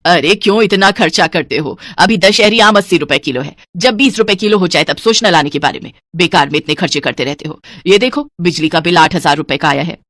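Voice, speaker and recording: A woman's voice: on the low side, a little fast, few pauses, fairly bright tone, no room sound, studio quality. A woman voicing a stingy, scheming old mother-in-law in a cartoon, with a scolding, penny-pinching manner.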